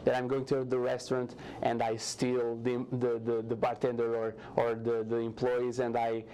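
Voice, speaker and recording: A young man from Portugal with a Portuguese accent, answering as a guest in a TV studio interview, halting with frequent restarts. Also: mid-range voice, completely flat delivery, warm tone, smooth. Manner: halting, many restarts and fillers, earnest. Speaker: guest, startup founder.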